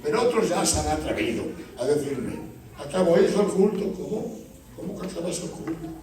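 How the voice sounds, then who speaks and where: Pastor guy preaching, high voice, telling stories, mic far off, faint room noise. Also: sing-song, brisk, warm tone. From Spain. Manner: storytelling, acts out dialogue with church members. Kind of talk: sermon. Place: church. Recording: echoey church hall from far off.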